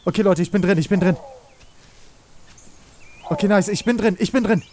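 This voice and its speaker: Ein Mann, der aufgeregt ein Spiel kommentiert, in Panik ruft und fleht und viel Jugendslang benutzt. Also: male voice, high-pitched, normal speed, background noise. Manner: excitable, shouts and pleads in panic, youth slang. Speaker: let's play host. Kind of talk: excited gaming commentary.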